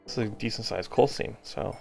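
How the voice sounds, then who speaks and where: An exhausted man giving casual gameplay commentary, halting as he thinks aloud to himself. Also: on the low side, vocal fry, music in the background. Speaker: gaming video host.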